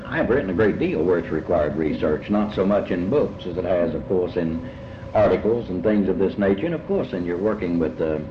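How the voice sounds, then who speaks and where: An older man, a writer and lecturer, speaks reflectively in an interview with a low, expressive voice. He is halting and rambling, with many repetitions and long hesitations, on a muffled, echoey, noisy amateur tape.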